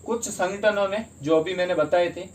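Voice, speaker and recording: A man's voice: high voice, normal speed, slight background noise. A man teaching a history lesson for exam prep in Hindi, explaining step by step and asking and answering his own questions.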